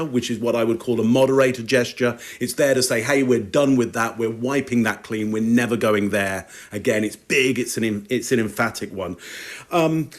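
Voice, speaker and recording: A man on a panel analysing body language in an interview clip, measured and thinking aloud with small fillers. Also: medium pitch.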